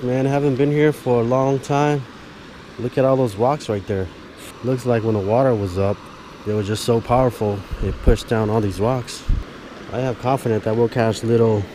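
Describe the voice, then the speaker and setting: A fishing vlogger in his thirties talks casually in a mid-range voice to an action camera, worn on his chest and held at arm's length, as he fishes by a river and hikes a hill trail. Wind and water noise are loud outdoors.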